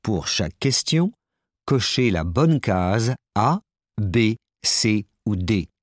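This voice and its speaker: A man reading listening-exam instructions in a slow, deliberate way. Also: on the low side, sing-song, dry recording, studio quality. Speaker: exam announcer.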